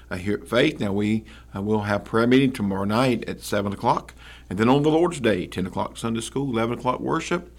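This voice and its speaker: A man, hosting a church radio broadcast and giving announcements in a folksy, halting way with many fillers and amens. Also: fairly low pitch, gravelly. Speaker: radio host and church pastor.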